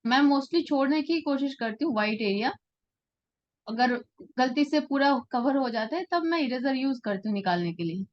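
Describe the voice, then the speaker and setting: High-voiced woman teaching a live drawing class. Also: expressive, normal speed, highs cut off. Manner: patient, checks understanding often. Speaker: art teacher.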